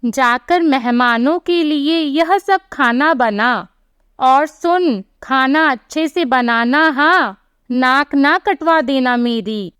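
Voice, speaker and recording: A woman's voice: high voice, slow pace, fairly bright tone, dry recording, clean studio sound. A woman doing a harsh, scolding mother-in-law. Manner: harsh, taunting, bossy.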